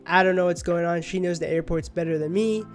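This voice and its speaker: A man's voice: high voice, fairly even intonation, brisk. A young man chatting casually on a livestream, drowsy and rambling, often trailing off mid-thought. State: sleepy. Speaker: streamer. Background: faint music.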